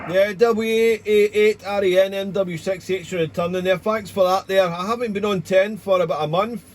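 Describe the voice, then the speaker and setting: Man, high-pitched voice, chatty ham radio operator, courteous, rambling delivery. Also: steady tone, normal speed, a little hiss or hum. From Wales, United Kingdom. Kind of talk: casual ham radio contact with call signs.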